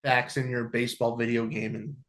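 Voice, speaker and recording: Wisecracking bright-voiced man on a podcast. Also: medium pitch, flat delivery, brisk. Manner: wisecracking, dry jokes. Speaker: podcast co-host. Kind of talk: casual sports podcast chat.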